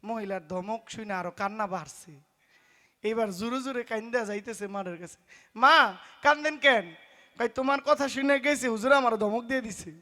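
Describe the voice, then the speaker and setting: A man with a tells a religious story on stage in pala gaan style, loud and emphatic, acting out the voices of its people. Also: high voice, quick pace. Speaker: folk singer preaching a story. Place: stage at a live folk performance.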